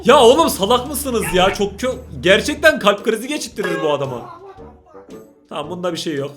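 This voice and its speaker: A young man with a Turkish accent, reacting to prank videos in casual commentary, exclaiming, laughing and shouting. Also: sits high, expressive, fairly quick, music in the background.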